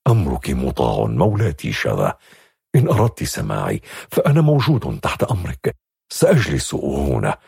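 A courtly young officer, formal and solemn, bowing in every word, as a male storyteller plays him. The voice drops below the narrator's own, husky and breathy. The recording is dry and close. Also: very deep voice, wildly swooping pitch, normal speed, darkish tone, no echo, pitched below the performer's own voice, heavily acted.

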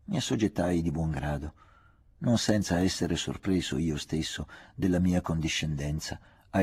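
A man with a husky voice narrating a literary novel as an audiobook, measured, reflective and restrained. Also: low voice, a little mellow. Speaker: audiobook reader.

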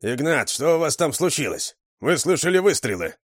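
A man voicing an irritable man shouting over a radio. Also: a little high, big pitch swings, moderate pace, no echo, studio quality, voice pushed up. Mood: exasperated. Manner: exasperated barking.

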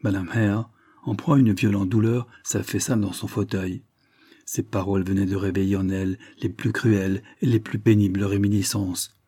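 A man narrating a classic novel as an audiobook, in a steady, expressive storytelling manner. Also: on the low side, normal speed, slightly rough, dry recording, clean studio sound.

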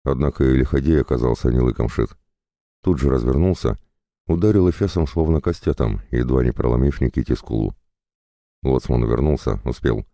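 A man's voice: very deep voice, a little fast, warm tone, dry recording. A man reading a dramatic adventure story aloud, giving the characters small shifts of voice. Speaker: audiobook narrator. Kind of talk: dramatic audiobook narration.

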